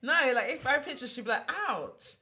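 A woman's voice: sits high, quick pace, a crowd in the background. A woman co-hosting a podcast, teasing her friends playfully. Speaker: podcast co-host. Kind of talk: casual chat.

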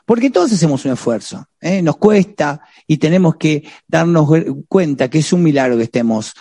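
Brief: Argentine male preacher, high and lively, dry close sound, teasing and exhorting. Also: normal speed, breathy edge, no room sound. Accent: Argentine Spanish. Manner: exhorting, peppered with rhetorical "¿eh?"; joking, direct address to the audience. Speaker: preacher on marriage. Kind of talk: sermon.

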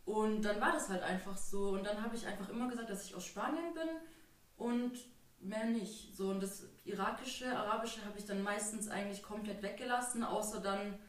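A woman's voice: medium pitch, normal speed. Chatty young woman, echoey and distant. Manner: chatty storytelling with laughs and fillers. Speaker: podcast guest. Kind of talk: casual podcast conversation. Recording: echoey room, distant from mic.

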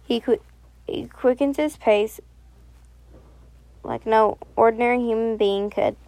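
Slow, gravelly-voiced woman narrator. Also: on the high side. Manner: soft, unhurried reading with self-corrections. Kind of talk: second-person audio story reading.

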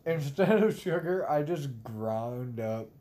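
A young man co-hosting a relaxed podcast. He jokes with his friends in mock-formal wording, at a middling pitch. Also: slow pace. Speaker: podcast co-host. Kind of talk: casual podcast chat.

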